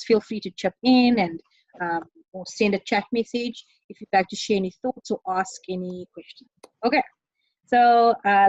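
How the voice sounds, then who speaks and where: A woman's voice: mid-range voice, darkish tone, dry recording, muffled recording. Hesitant woman on a video call. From South Africa. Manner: hesitant, many ums, earnest. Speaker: webinar facilitator. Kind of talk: online presentation. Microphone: computer mic on a video call.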